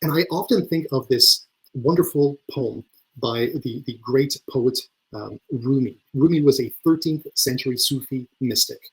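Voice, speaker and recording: A man's voice: medium pitch, normal speed, slightly rough, rough recording. A man speaking as a leadership coach and speaker in an online webinar, earnest in manner and often repeating words as he starts a phrase. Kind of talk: webinar talk. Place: video call.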